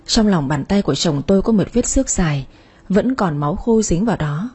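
Soft breathy lady narrating a sad story in first person, mellow tone. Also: fairly low pitch, lively intonation, a little fast.

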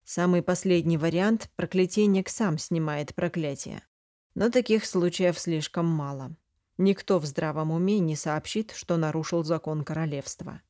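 A woman reading the lines of a stern, coldly calm male duke and mage in an audiobook. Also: fairly low pitch, normal speed, no room sound, studio quality, close to an everyday voice. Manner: calm, cold, interrogating.

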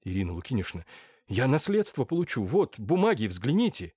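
A man's voice: mid-range voice, sing-song, a little fast, a little mellow, breathy edge, no room sound. Man voicing a desperate young guy begging, earnest, dry close audiobook. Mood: pleading. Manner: earnest, imploring. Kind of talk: audiobook character voice.

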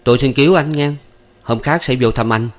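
A man voicing a young man with a Southern Vietnamese accent, awkward, evasive and hurried. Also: medium pitch, voice pushed up, close to an everyday voice. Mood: uneasy. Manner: hurried, uneasy.

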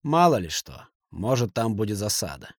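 A man's voice: lowish voice, very animated, moderate pace, no echo, clean studio sound. Man voicing a cautious advising henchman. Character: cautious male henchman giving advice.

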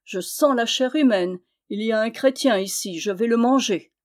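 A woman reading aloud, voicing a male storm spirit, gruff and hungry at first and then good-natured and gentle. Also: a little high, normal speed, close to an everyday voice.

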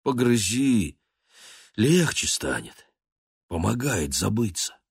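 A man's voice: on the low side, sing-song, takes it slowly, vocal fry, slightly rough, dry recording, clean studio sound, pitched above the performer's own voice, heavily acted. A man voicing a clumsy, kind-hearted male dog who pleads in a whiny voice in a storybook. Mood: coaxing.

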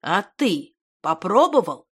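A woman's voice: lowish voice, fairly even intonation, normal speed, close to an everyday voice. A woman doing a grim, curt old wizard. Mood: stern. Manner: dry, curt, reproachful. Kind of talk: audiobook character voice.

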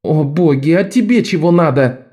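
A man voicing a bossy, sharp-tongued young girl thief who leads a gang of boys, scolding and commanding. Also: fairly high pitch, expressive, moderate pace, voice pushed up, lightly acted. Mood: exasperated.

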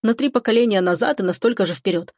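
A woman's voice: medium pitch, fast talker, a little mellow, no echo, clean studio sound. Woman reading a wry first-person story. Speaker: audiobook reader. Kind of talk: first-person novel narration.

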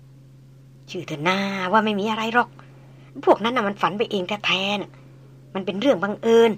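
A seasoned head hunter of the jungle, calm and unshaken, voiced by a woman reader. He speaks softly and evenly, keeping his words level. It is a storybook audiobook reading. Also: mid-range voice, moderate pace, husky, close to an everyday voice. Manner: quiet and level.

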